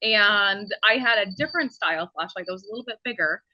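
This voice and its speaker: A woman's voice: mid-range voice, lively intonation, quick pace, no echo, lo-fi sound. A woman talking casually as a podcast guest about her costume work and hobbies, laughing often, on a video call from home. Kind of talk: casual chat. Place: home, indoors.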